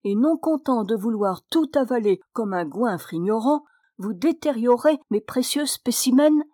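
A woman's voice: on the high side, expressive, unhurried, dark tone, dry recording, clean studio sound. A woman voicing a tiny, pedantic old hunchbacked gnome who collects fossils, fussing over Latin names. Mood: furious.

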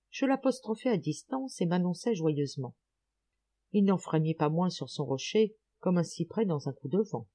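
A woman narrating an audiobook in measured, literary phrasing. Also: on the low side, dark tone. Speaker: audiobook reader.

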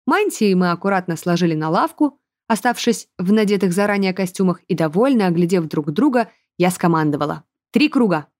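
A woman reading an audiobook narration in a lively, expressive way. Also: on the low side, brisk, hardly any pauses, dry recording, clean studio sound.

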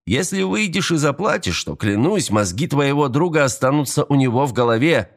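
A sneering young gang thug taunts and threatens in a raised, high voice, as a male audiobook reader puts him on. Every line drips with cruel mockery. The pitch swings widely. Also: animated, brisk. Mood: menacing.

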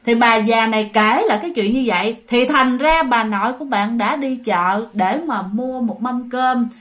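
Woman, high voice, chatty ghost story narration, talks straight to listeners. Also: normal speed. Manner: chatty, addresses listeners directly, lively storytelling.

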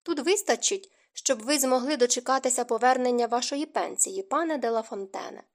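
A woman's voice: a little high, a little fast, lightly acted. A woman narrator voicing a wry, curt young noblewoman in an audiobook. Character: young noblewoman, mocking and tired. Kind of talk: audiobook character reading.

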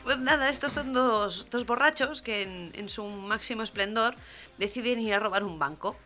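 A woman, a radio comedy co-host telling jokes in a lively, chatty way. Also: on the high side, moderate pace, soft background music. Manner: lively, chatty joke-teller.

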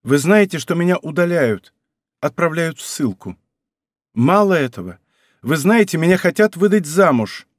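A man's voice: fairly high pitch, animated, moderate pace, dry recording, studio quality. Man voicing passionate pleading young woman. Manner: impassioned, pleading. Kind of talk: audiobook character reading.

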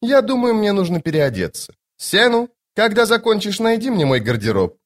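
Brief: male reader doing imperious, flirtatious sorceress woman, high lilting voice, mocking and commanding. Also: very animated, normal speed. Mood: coquettish. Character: haughty, teasing sorceress woman, playful and imperious. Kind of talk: audiobook character voice.

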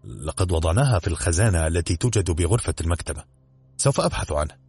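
A man voicing a quick, helpful young niece who answers eagerly, in a storybook reading. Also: deep voice, expressive, darkish tone, breathy edge, no room sound, faint music behind, full character voice.

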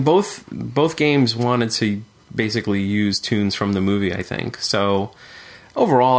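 A man co-hosting a casual podcast chat, talking thoughtfully with frequent fillers and restarts. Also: medium pitch. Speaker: podcast co-host discussing retro games.

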